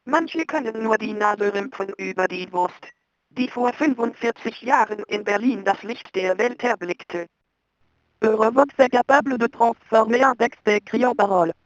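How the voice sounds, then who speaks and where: A man's voice: high voice, normal speed, fairly bright tone, no room sound. A synthesized male voice reading stiffly, on dull lo-fi audio. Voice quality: synthetic, robotic.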